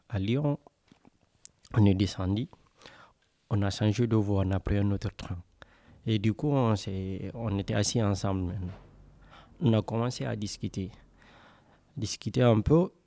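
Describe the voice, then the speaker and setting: A man's voice: fairly low pitch, measured pace, long pauses, warm tone, dry recording. A young man from West Africa telling a personal story in a casual, conversational way, acting out the dialogue.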